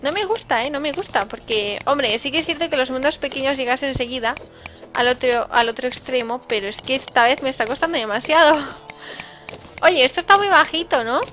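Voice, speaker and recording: A high, bright woman's voice with a Spain Spanish accent, commenting on gameplay in a chatty, excitable way. Faint game music plays behind her. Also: brisk. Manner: chatty and excitable, with sudden exclamations. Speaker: let's-play host.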